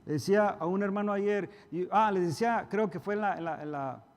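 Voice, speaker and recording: A male pastor preaching a sermon, emphatic, acting out quarrels in a raised voice and dropping to soft asides. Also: sits high, brisk. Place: church hall. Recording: reverberant church hall.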